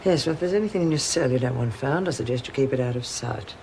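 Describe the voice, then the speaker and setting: An actress playing a curt, bossy, scheming prison officer in a television drama. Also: female voice, rumbling low, fast, a little mellow, a little hiss or hum. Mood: conspiratorial. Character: brisk, scheming prison officer bossing inmates around.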